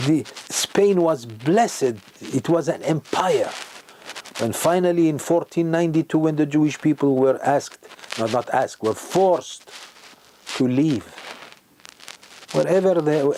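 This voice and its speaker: An older man, a rabbi preaching a sermon with emphatic rhetorical questions and sudden rises in pitch. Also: dark tone, slight background noise, poor audio. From Morocco.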